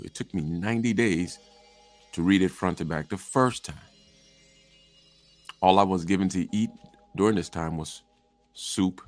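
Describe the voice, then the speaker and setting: A man telling a first-person story dramatically, dropping to quiet asides and rising sharply for quoted lines. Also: low-pitched.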